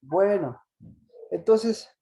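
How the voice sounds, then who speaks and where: Over a video call, a man runs an interactive Bible study, stopping and echoing words while he asks questions. He speaks in a high, animated voice with a dark tone.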